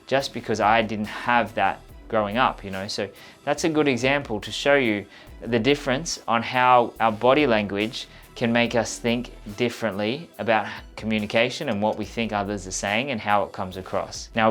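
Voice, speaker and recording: A communication coach presents a how-to video in a mid-range, slightly bright male voice. His talk is instructional and conversational, addressed directly and earnestly to the viewer, with points repeated for emphasis.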